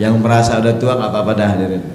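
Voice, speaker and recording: A man's voice: fairly low pitch, very fast. Joking male preacher in an echoey hall. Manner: joking, lively, acts out voices. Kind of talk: humorous sermon. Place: mosque hall. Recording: echoey hall, faint background noise.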